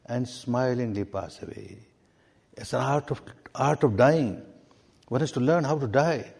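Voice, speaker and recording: A man's voice: medium pitch, creaky, darkish tone. Man teaching in a hall. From Myanmar. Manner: deliberate, repeats key words for emphasis. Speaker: meditation teacher. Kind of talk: answering questions in a spiritual talk. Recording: long reverb of a hall.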